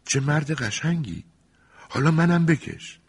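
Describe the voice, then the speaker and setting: A man's voice: on the high side, expressive, breathy edge, in a large hall, pitched above the performer's own voice. A man voicing a shy, curious schoolgirl in an audiobook, whispering and coaxing. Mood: eager, pleading.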